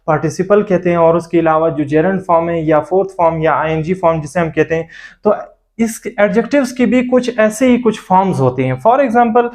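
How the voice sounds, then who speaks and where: A man with a high-pitched voice gives a grammar lecture. He works steadily through lists of examples, stopping often on filler sounds as he explains. His tone is patient and step-by-step. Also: a little mellow. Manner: methodical, lists examples one by one; many filler pauses while explaining. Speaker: teacher.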